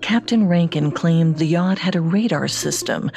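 A woman co-hosting a podcast, reading scripted true-crime narration with measured storytelling delivery. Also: on the low side, vocal fry, darkish tone, faint music behind. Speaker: podcast co-host.

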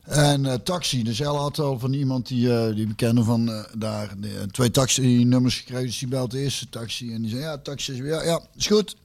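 A man's voice: mid-range voice, fairly even intonation, fairly quick, creaky, hardly any pauses, a little mellow. Rambling, swearing storyteller man. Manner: rambling anecdotes with many fillers, swearing, laughing at his own story. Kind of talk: casual chat.

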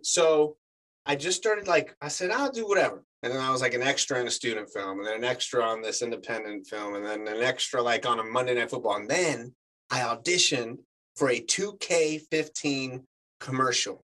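The recording is rough, and the man's voice is mid-range. He's an American in his forties with Spanish as his first language, a guest actor in casual conversation who tells stories animatedly with lots of fillers.

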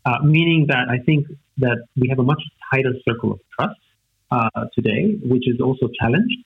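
With lively intonation, a creaky medium-pitched voice and a moderate pace, this Austrian guest in his forties, a native speaker of German, reflects in conversation. He's hesitant, relying on many fillers and "right?" tags, and the tinny phone-like line carries a little hiss or hum.

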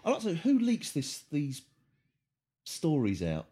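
Chatty man hosting, lively pitch. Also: husky. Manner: halting, many ums, teasing. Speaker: podcast host. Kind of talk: casual commentary chat.

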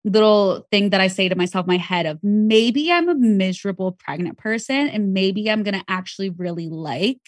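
A woman's voice: mid-range voice, animated, moderate pace, few pauses, no echo, clean studio sound. A young pregnant woman talking candidly as a podcast guest, chatty and full of fillers. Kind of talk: casual chat.

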